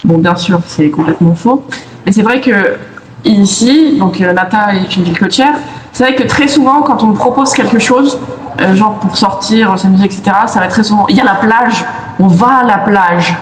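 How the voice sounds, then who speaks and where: A woman's voice: mid-range voice, moderate pace. Young French woman in an echoey room. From France. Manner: reflective, explains at length. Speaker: guest, exchange student. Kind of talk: casual interview. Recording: echoey room, faint noise.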